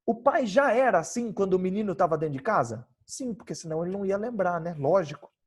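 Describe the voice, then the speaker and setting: A man's voice: high-pitched, animated, fast, slightly rough. A man with a Brazilian Portuguese accent giving a devotional Bible lesson outdoors in his backyard, emphatic and full of rhetorical questions he answers himself. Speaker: youth devotional speaker.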